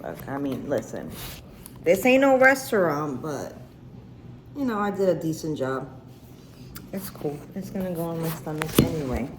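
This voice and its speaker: A woman's voice: low-pitched, moderate pace, pauses often, echoey room, background noise. Chatty, foul-mouthed woman cooking at home. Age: 30s. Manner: chatty, swears freely, relaxed and candid. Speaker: cooking vlogger. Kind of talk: casual cooking chat. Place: home kitchen.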